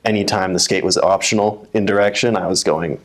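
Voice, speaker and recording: A man's voice: low-pitched, steady tone, brisk. A young man from the USA talking casually as an interview guest, often restarting and repeating words. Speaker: guest, telemark ski racer.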